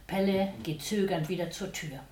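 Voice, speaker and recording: A woman reading a children's book aloud in an expressive, lively way. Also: fairly low pitch, normal speed. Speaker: storyteller. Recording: roomy echo.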